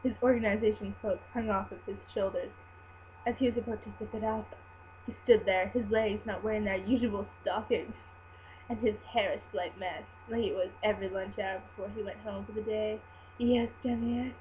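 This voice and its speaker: A woman's voice: mid-range voice, steady tone, fairly quick. A woman reads a story aloud in an informal, amateur dramatic style. She occasionally stumbles and restarts. The sound is slightly muffled, with a faint hum underneath. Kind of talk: amateur dramatic reading of fan fiction. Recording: muffled, humming home recording.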